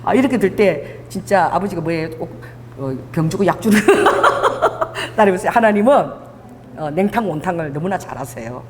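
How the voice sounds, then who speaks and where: A middle-aged woman pastor delivering a lively sermon, leading the congregation to repeat after her and acting out quoted voices. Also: fairly low pitch, moderate pace, a little hiss or hum. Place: church sanctuary. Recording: long church reverb.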